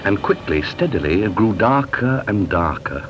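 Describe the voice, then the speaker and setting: Male cartoon narrator with a lively voice. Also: lowish voice, moderate pace. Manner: storytelling, doing all voices. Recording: dull lo-fi recording with music.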